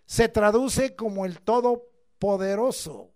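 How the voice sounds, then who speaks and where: A man preaching a church sermon, emphatic, swinging between loud declamation and low asides and drawing out key words. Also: slow. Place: church service.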